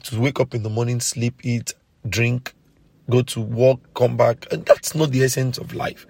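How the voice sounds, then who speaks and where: A man preaching a podcast sermon, earnest and exhorting, slowing down to press key points. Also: mid-range voice, vocal fry, a little mellow, husky, no room sound. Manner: earnest, exhorting, slows for emphasis.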